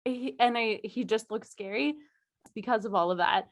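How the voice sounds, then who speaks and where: A woman's voice: fairly high pitch, moderate pace. A young woman co-hosting a podcast, chatting casually and giggling through her words with lots of fillers. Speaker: podcast co-host. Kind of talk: casual chat.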